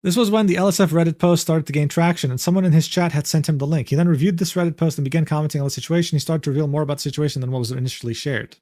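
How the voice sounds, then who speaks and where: A man's voice: fairly high pitch, steady tone, very fast, hardly any pauses, dark tone, no room sound, studio quality. A man giving scripted, matter-of-fact narration for a commentary video.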